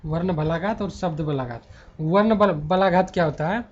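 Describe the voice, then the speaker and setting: A man teaching a Hindi grammar lesson, who repeats his words, stretches out key terms, and asks questions only to answer them himself. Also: fairly high pitch. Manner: slow, drawn-out stress on key words. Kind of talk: classroom-style lesson. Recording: dull lo-fi recording.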